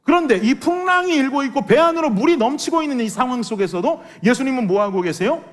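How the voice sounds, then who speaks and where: Korean pastor guy preaching in church, fairly high voice, keeps asking the congregation questions. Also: animated, fast talker. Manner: earnest, rhetorical questions to the congregation. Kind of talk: sermon. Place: church sanctuary.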